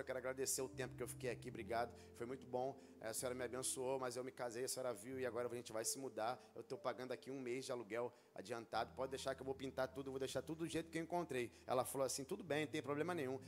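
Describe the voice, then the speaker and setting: A man preaching a sermon as pastor, telling a personal story and rising into loud, fervent exhortation. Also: medium pitch.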